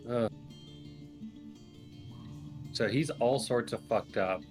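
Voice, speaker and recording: A man's voice: medium pitch, slow pace, music in the background. A man playing a tabletop game who describes his character's actions in a rambling, hesitant way. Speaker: player. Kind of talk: casual tabletop play.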